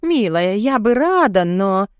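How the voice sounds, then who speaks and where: A woman's voice: medium pitch, big pitch swings, slow pace, clean tone, no room sound, clean studio sound. A woman reading the part of an evasive middle-aged mother who placates her daughter, in an audiobook. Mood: placating.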